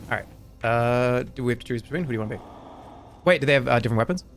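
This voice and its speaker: A man's voice: mid-range voice, racing, faint music behind. A man bantering casually with a friend as he streams a video game. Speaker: gaming streamer.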